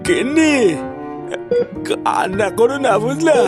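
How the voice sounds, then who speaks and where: A man's voice: very high-pitched, expressive, slow pace, exaggerated voice. A man doing a drawling, weary old cartoon grandpa. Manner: drawling, coaxing. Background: background music.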